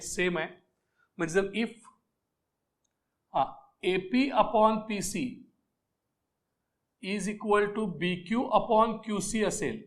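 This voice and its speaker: A man explains a geometry lesson to his class. His voice sits high and he takes his time, repeating key phrases and checking that everyone is with him. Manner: switches between Marathi and English, repeats key phrases; keeps checking that students follow. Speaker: math teacher.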